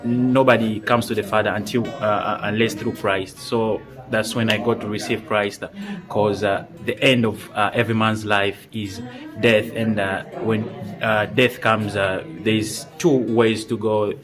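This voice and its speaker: A young man from Congo giving a personal faith testimony, speaking hesitantly with many pauses and restarts. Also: lowish voice, flat delivery, over music. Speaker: church member giving testimony.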